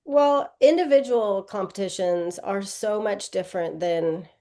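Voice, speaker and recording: This guest athlete is a woman in her forties with a warm, mid-range voice and a slightly slow pace. Answering interview questions casually, she wanders off on tangents, keeps correcting herself, and fills her speech with "um" and "like."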